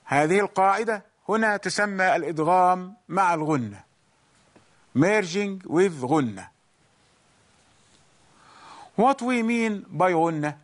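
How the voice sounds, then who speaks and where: Man, high voice, slow and careful, tajweed teacher, repeats every point. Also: animated. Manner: slow, explains each point twice, once in English and once in Arabic. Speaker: Quran recitation teacher. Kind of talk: bilingual tajweed lesson.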